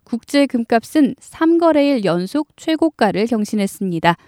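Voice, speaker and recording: A woman hosting a radio news program, reading news and weather in a clear, friendly studio delivery. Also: a little high, very animated, moderate pace, dark tone, dry recording.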